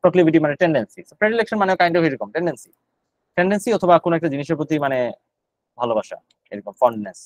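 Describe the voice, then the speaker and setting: A man's voice: a little high, lively intonation, racing, no room sound, low-quality recording. A man teaching GRE vocabulary in a live online class, explaining each word in Bengali with English terms mixed in and repeating the words as he goes.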